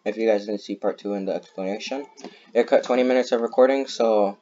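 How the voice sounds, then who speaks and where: Over a dull, lo-fi mic with faint hiss and clicking keys behind him, a young man gives casual commentary on his own gameplay as a gaming YouTuber. His low voice rambles with fillers, punctuated by frequent laughter and quick flashes of excitement.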